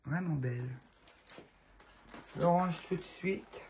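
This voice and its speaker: Slow, gravelly-voiced woman with a cold. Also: on the low side, a little mellow, slight background noise. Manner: chatty, fond, gushing over the items. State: has a cold, voice affected. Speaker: tarot channel host. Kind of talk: casual show-and-tell chat to viewers. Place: at home.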